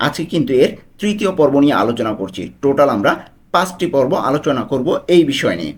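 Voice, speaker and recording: A man with a Bangladeshi accent speaks in a voice of middling pitch, giving a video lesson. He repeats each short phrase slowly and then explains it word by word, steady and patient. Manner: slow, repetitive drilling of phrases. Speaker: language tutor.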